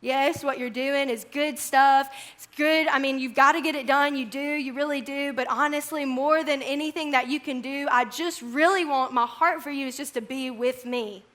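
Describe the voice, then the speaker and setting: A woman voicing a gentle, loving male teacher who speaks softly and soothingly. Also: sits high, fairly even intonation, normal speed. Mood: tender. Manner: soft, tender, soothing.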